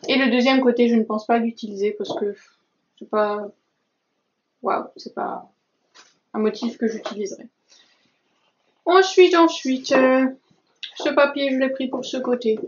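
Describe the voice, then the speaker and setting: A woman talks casually in a vlog, her voice sitting a little high as she gushes over each item, pausing and hesitating often. The sound is muffled and lo-fi, like a simple home recording. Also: steady tone, darkish tone, slight background noise. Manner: enthusiastic, gushing, many hesitations and asides. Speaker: vlogger showing a craft supply haul. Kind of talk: casual chatty vlog talk.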